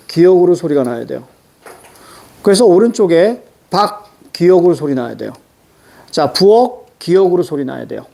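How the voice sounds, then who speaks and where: A middle-aged man with a Seoul accent teaching a Korean language lesson, animated and joking with students, repeating cue words. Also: high-pitched. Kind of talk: lively classroom lecture.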